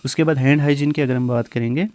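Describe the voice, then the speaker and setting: A man teaching nursing exam topics, repeating key terms back as questions and often clearing his throat. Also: medium pitch, steady tone, quick pace, darkish tone. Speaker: nursing tutor.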